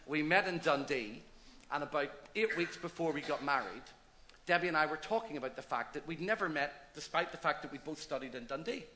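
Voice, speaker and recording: Fairly high-pitched and fairly quick, this middle-aged man from Northern Ireland is a pastor sharing his story onstage at church, part interview, part sermon. He's lively, talkative and self-mocking, and slight background noise can be heard.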